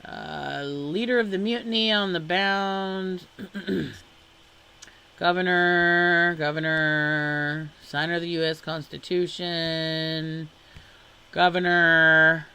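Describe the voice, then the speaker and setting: A woman talking casually to her viewers as she reads out a long list of names and titles. She goes slowly and with a bright, forward tone. Between names she drops exasperated asides and sighs. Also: lowish voice, fairly even intonation, gravelly, clean tone. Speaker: vlogger reading a family-tree list. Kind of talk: casual commentary while reading aloud.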